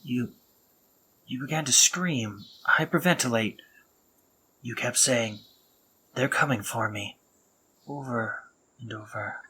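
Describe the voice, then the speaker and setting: In an audio roleplay, a young man voices a remorseful, protective male spider monster, speaking haltingly with stammers and soft whispers in a soothing mood. His voice is mid-range. The audio is poor, with a little hiss or hum.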